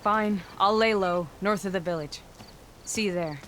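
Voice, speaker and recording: With a medium-pitched, fairly bright voice at a normal pace, a woman voices a proud young female hunter in a video game cutscene, earnest and wistful with spirited outbursts. Her delivery is lightly acted, and a game music score plays behind her amid slight background noise.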